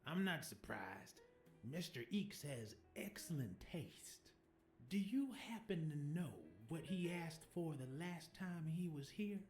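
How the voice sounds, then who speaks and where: An actress playing a composed woman running a barbershop in a video game, calm and probing. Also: low-pitched, slow, soft background music. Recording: roomy game audio.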